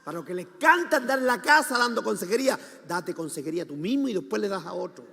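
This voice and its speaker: An older pastor preaches with a high, gravelly voice. He calls the congregation to answer him and swings from shouts to quiet asides. His voice rings through a reverberant church hall. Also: animated, quick pace. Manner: dramatic, shifting between shouts and soft asides. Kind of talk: sermon.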